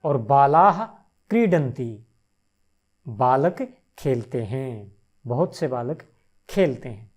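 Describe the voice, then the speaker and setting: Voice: medium pitch, animated, a little mellow. A teacher giving a language lesson, patiently reciting verb forms in repeated drills and adding short reassuring explanations. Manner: repeats each form in slow, deliberate drills. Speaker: Sanskrit teacher.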